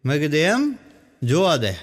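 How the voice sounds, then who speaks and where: A man's voice: sing-song, normal speed. A man, a stand-up comedian telling jokes as stories on stage and acting out the people he quotes. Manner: storytelling, acts out quoted speakers in lowered voice.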